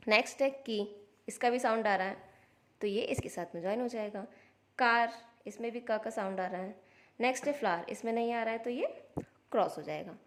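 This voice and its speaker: Woman, somewhat high voice, casual instructional vlog, patient, sounds out letters slowly. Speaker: homeschooling parent teaching phonics.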